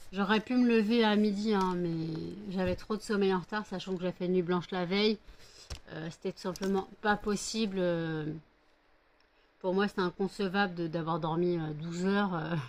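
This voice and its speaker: A woman from France chatting casually in a vlog, rambling with many fillers and cooing baby talk to her dogs between remarks. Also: medium pitch. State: sleepy and hot. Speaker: vlogger.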